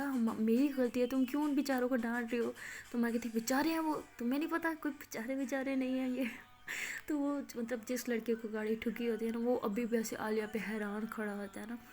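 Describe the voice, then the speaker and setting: A woman's voice: a little high, a little mellow. A woman telling a love story in a casual, chatty spoken way. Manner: chatty, laughs often.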